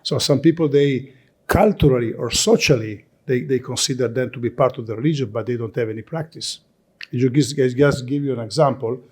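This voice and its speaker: Italian-accented man, conference lecture, halting repeats, breathy voice, dark soft tone. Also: mid-range voice. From Italy. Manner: halting, restarts and repeats words, non-native grammar. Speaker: conference presenter. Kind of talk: lecture presentation.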